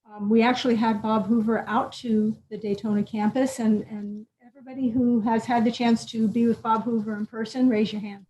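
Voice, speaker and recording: A woman's voice: fairly high pitch, little pitch movement, brisk, hardly any pauses. A woman hosting a scholarship presentation, talking to an audience with fillers and repeats. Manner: warm-up speaking with fillers and repeats. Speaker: scholarship program host. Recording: dull lo-fi sound with faint noise.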